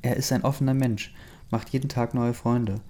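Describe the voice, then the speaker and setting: A man's voice: mid-range voice, steady tone, moderate pace, mellow, close to an everyday voice. A man reading a teasing teenage girlfriend.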